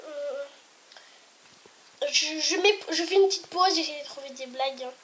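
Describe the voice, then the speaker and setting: A woman's voice: high-pitched, moderate pace, a bit bright, slight background noise. A woman telling jokes casually to her viewers, hesitant and rambling, stopping to restart and apologize. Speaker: joke teller. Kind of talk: casual joke telling to camera.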